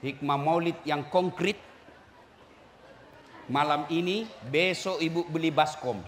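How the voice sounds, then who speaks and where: High, bright-voiced preacher in echoey hall. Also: male voice, slow pace, noisy background. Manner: teasing, shouting and singing to the audience. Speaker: Islamic preacher. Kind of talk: lively sermon to a crowd. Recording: echoey hall with faint ambience.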